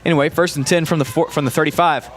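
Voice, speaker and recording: A man with a Southern US accent giving casual color commentary on a high school football game, thinking aloud as plays unfold. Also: fairly even intonation, fast.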